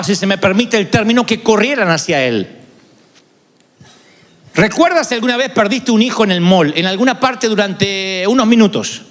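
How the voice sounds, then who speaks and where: A man's voice: high voice, fairly bright tone. A man preaching a sermon in a large hall, dramatic and storytelling, acting out quoted voices. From Argentina. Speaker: pastor. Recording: large hall with long reverb.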